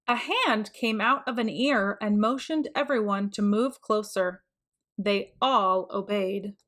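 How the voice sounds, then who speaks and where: A woman with a medium-pitched voice narrates a children's picture book aloud. Her storytelling is expressive and deliberate.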